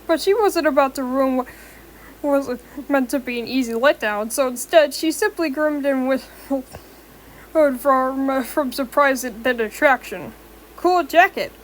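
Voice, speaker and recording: A woman's voice: high voice, a little slow, a little hiss or hum. A young woman with a sore throat reading a fan-fiction story aloud, often stumbling and correcting herself. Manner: stumbling, rereads and corrects words.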